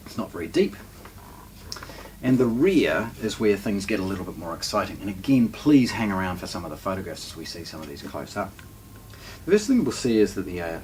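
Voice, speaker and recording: A deep-voiced man with a slightly mellow tone gives a casual, unscripted walkthrough of audio gear as a shop presenter. He hesitates and rephrases as he goes, recorded on a distant mic with faint background noise.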